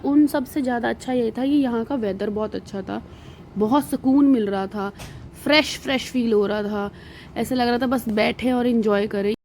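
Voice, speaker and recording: A woman with an Indian accent talks over her family travel footage in an easy, rambling way, pausing often on small fillers. Her voice sits a little high but sounds warm and mellow. A faint hiss of noise runs under the recording. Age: adult with young children. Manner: chatty, relaxed storytelling with many fillers. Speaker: vlogger.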